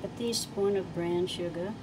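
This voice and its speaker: A woman's voice: fairly low pitch, fairly even intonation, normal speed. An older woman from the Philippines, cheerfully talking through a home cooking demonstration and listing each ingredient. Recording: home recording with audible background noise.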